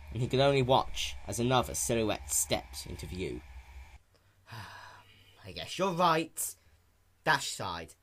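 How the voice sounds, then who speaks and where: A storyteller with a medium-pitched voice narrates scripted fiction like a hammy stage actor. The delivery is theatrical and very lively, with wide swings in pitch. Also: slight background noise, poor audio. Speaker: narrator doing dramatic readings of fan fiction.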